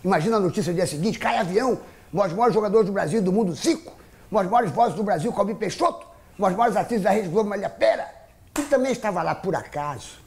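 A middle-aged man from Rio speaks in a high, gravelly voice and rattles through his stories at speed. He is a talk show guest who acts out each scene as he tells it. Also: animated, fast, darkish tone. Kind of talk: comic anecdote in a TV interview.

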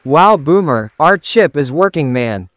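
A man's voice: on the high side, animated, a little slow, no echo, studio quality. A man voicing an earnest, know-it-all cartoon audience member. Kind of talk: cartoon parody acting.

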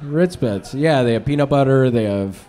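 A man doing absurd, rambling stand-up banter on a club stage, talking in a slow, dim, drawn-out way that breaks into abrupt shouts. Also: mid-range voice, animated. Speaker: comedian guest.

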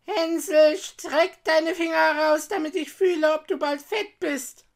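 A wicked old witch from a storybook, her voice pitched high and strained. She shouts and mocks in a shrill, harsh tone that sounds far from the reader's own. The delivery is slow and heavy with scorn. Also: exaggerated voice. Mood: scolding. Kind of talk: storybook reading.

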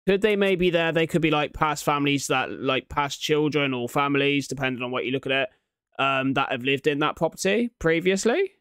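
A young adult reaction host talks a little fast in a fairly high, somewhat bright voice with a clean tone and no echo. His commentary is casual, sweary, and full of slang, recorded close on a large desk mic in a small room at home.

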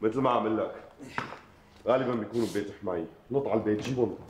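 A man's voice: lowish voice, very fast, darkish tone, a little hiss or hum, natural voice. A man playing a reassuring Syrian captain. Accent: Syrian Arabic. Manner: reassuring, persuasive. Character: calm, reassuring male captain. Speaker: army captain Hassan.

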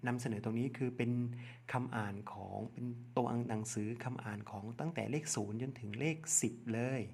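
A man with a Thai accent teaching young children English numbers, spelling out letters one at a time and repeating each word slowly. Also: medium pitch, darkish tone, slight background noise. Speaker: primary school English teacher. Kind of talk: slow step-by-step lesson narration.

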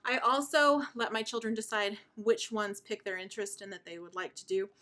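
A woman's voice: medium pitch, fairly quick. A woman in her thirties, a homeschooling mother, explaining her curriculum in a chatty, enthusiastic way while out of breath and sighing. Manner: chatty and warmly enthusiastic, with fillers. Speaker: homeschooling mother and video host. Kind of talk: casual show-and-tell explanation.

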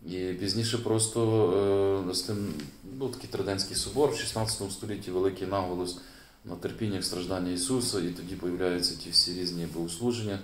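A man's voice: low-pitched, steady tone, a little fast, a bit bright, roomy sound, slight background noise. A man who is a priest, giving a sermon in a casual, explaining way, hesitating often with fillers and restarts. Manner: hesitant, many fillers and restarts, chuckles now and then.

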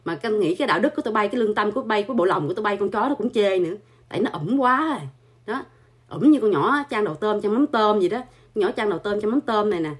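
Husky-voiced woman scolding. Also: mid-range voice, animated, fast. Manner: scolding, insulting, repeats filler particles. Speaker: channel host. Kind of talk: angry scolding monologue.

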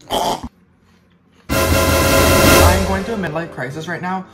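A man's voice: fairly high pitch, slow pace. A young man vlogging casually, dramatic and self-mocking, with frequent swearing. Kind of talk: casual vlog chat. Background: loud guitar music.

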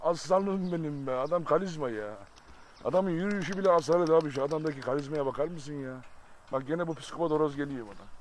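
Speaking quickly in a high-leaning, darkish voice, a vlogger feeds his animals by a chicken coop and chats with viewers, sometimes affectionate, sometimes scolding. There's a little hiss or hum, plus a rooster, chickens and birds in the background.

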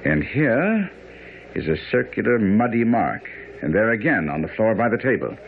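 Playing a confident master detective on a radio drama, this man speaks at a moderate pace in a fairly low voice that swings widely in pitch. His delivery is exact, authoritative and lecturing, brisk and instructive in mood, and the radio audio comes through muffled and noisy.

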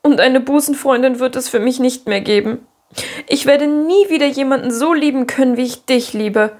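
A gentle, practical young girl, as a woman reader puts her on speaks softly and earnestly in a raised voice. She sounds like a tender storybook friend. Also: high-pitched, moderate pace, voice pushed up, lightly acted. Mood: tearful, earnest.

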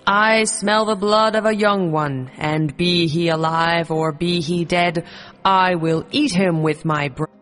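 A woman voicing an ugly, hungry male giant in a children's storybook, speaking gruffly. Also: on the low side, steady tone, slow, a bit bright, faint music behind. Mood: menacing.

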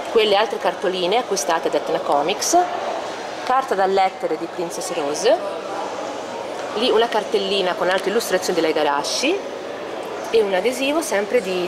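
A woman walking the camera through her own collector's display at a convention, listing items case by case with small hesitations. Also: medium pitch. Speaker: collector showing her exhibit. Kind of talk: casual guided tour narration. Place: indoor convention hall stand. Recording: loud background noise of a public hall. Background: loud convention crowd ambience.

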